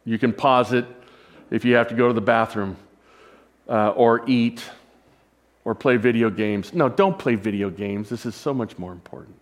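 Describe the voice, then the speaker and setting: A male pastor addressing his congregation watching from home, relaxed and joking as he introduces a testimony. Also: mid-range voice, moderate pace. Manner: informal, joking aside to home viewers. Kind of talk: sermon.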